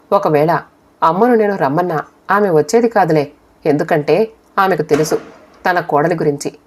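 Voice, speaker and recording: Calm woman reading a story aloud. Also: sits low. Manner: calm, steady first-person reading. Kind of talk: audiobook story narration.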